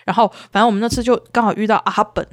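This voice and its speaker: A woman co-hosting a casual chat show, telling lively stories and loudly acting out the lines. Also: mid-range voice, racing. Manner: lively storyteller, acts out quotes loudly. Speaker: podcast co-host.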